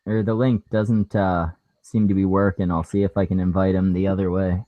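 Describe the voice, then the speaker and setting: A man co-hosting a livestream who delivers crude jokes in a mock-stern deadpan. His voice sits a little low. The audio is dry and muffled, like call audio. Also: normal speed, no room sound. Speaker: stream co-host. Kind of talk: casual profane chat.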